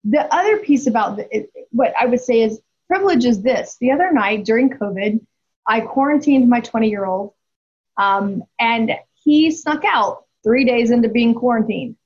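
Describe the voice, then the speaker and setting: A woman's voice: on the high side, expressive, moderate pace, a little mellow, slightly rough. A woman in her forties, speaking as a guest and telling a story candidly, with emphasis and frequent restarts. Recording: dull lo-fi audio.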